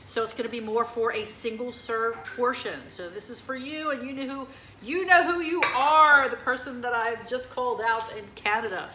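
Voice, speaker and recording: A woman's voice: a little high, fairly even intonation, fairly quick, hardly any pauses, reverberant, noisy background. A woman hosting a cooking demonstration in a kitchen, talking in a chatty, enthusiastic way with lots of fillers. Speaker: cooking show host.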